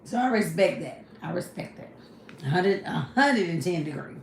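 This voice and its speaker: A woman with a fairly low, animated voice speaks at a normal pace while hosting a casual livestream. She reads out viewers' comments, answers them directly, and often says "you know what I'm saying." The room is echoey, with a faint hiss in the background.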